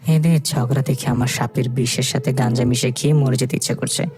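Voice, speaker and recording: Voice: mid-range voice, fairly even intonation, quick pace, voice pushed down, natural voice. A narrator voicing an exasperated young man worn out by his friends' squabbling. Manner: weary, exasperated.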